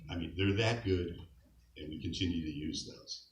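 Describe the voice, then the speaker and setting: A middle-aged scout leader with a low voice, speaking at normal speed, gives an informal, conversational eulogy at a memorial, telling light anecdotes and chuckling at times. He's off-mic and recorded from a distance in an echoey hall with faint noise.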